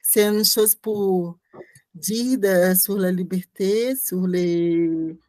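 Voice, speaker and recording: A woman artist, not a native French speaker, talking about her performance in a halting way, searching for words and restarting often. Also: on the low side, darkish tone, no room sound. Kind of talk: conversational interview talk.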